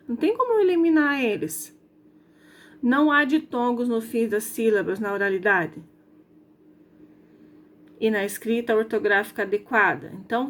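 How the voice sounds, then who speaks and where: A woman teacher from Brazil, explaining a grammar lesson to her pupils, stretching out example words and often checking whether they follow. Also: fairly high pitch. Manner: drawn-out stressed example words, frequent checking questions. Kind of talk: recorded school lesson.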